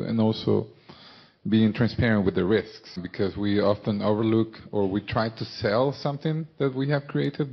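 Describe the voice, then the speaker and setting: A man's voice: fairly low pitch, creaky, breathy edge, highs cut off. A man in the audience making an earnest comment at a conference. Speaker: audience member. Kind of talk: comment from the floor.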